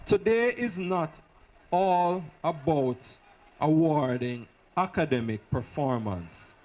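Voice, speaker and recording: A man's voice: on the high side, animated, slow pace, a little mellow, dull audio. A man with a Jamaican accent giving an impassioned speech at a school awards ceremony, repeating himself for emphasis and talking off the cuff. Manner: repetitive, emphatic, speaks off the cuff. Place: school hall. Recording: echoey hall recording.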